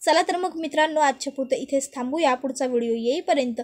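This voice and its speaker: A woman narrating an episode as a story with a high voice. She keeps a steady, plain retelling pace throughout. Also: fast. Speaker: storyteller recapping a TV serial.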